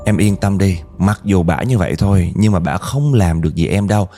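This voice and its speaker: A man's voice: low-pitched, fairly quick, mellow, soft background music. A man voicing a serious man who sees spirits, speaking reassuringly.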